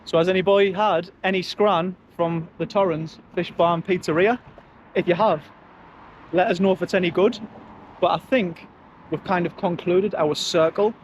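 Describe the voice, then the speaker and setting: A local-history vlogger from the Sunderland area, judging by his accent, narrates a casual walking tour in dialect while moving along residential streets. His high-sitting voice keeps a fairly even intonation at a moderate pace, and the muffled recording picks up outdoor traffic and street noise.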